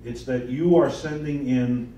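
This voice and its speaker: An animated man addresses a seminar audience with folksy emphasis, punching key words. His voice is heard from a distance in an echoing room. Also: mid-range voice, unhurried, a little hiss or hum. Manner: enthusiastic, emphatic, boastful-but-folksy. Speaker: author and seminar speaker. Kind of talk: seminar talk with audience questions. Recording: roomy echo, distant from the mic.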